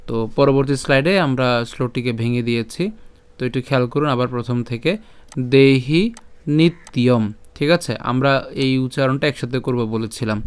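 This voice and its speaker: Man, Bengali accent, recitation teacher, slow careful syllables, smooth clear voice, dry close sound. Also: medium pitch, fairly even intonation, no echo. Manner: patient, repeats words slowly, asks and answers his own questions. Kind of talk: slow syllable-by-syllable pronunciation lesson.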